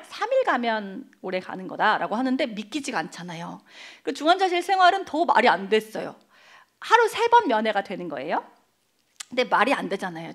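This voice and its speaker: Lively high-voiced woman giving testimony. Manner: emotional storytelling, acts out quoted dialogue. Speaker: guest speaker at a church service. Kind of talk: personal testimony in a sermon.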